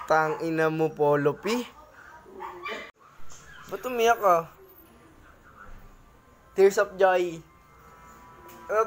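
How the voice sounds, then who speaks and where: A woman's voice: fairly high pitch, slight background noise. A woman vlogging casually among friends, teasing and badgering with repeated questions and crude swearing. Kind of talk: casual group vlog banter.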